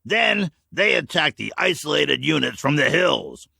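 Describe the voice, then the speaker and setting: A man's voice: on the high side, a little slow, gravelly, husky, no echo, studio quality, voice pushed up, exaggerated voice. A man voicing an eager old man lecturing. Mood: explaining. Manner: excited, lecturing. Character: eager older man lecturing on battle history.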